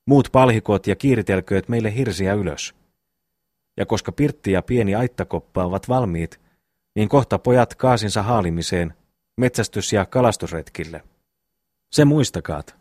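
A man reads out a hot-headed eldest brother in a storybook, bossy and blustering, his voice pitched low. It is recorded dry and close, with no room sound. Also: a little mellow, dry recording, close to an everyday voice. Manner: blustering, commanding.

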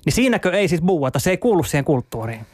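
Male radio host, inquisitive interviewer; somewhat high voice, dry booth sound. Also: very animated, darkish tone, no echo. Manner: inquisitive, asks follow-up questions.

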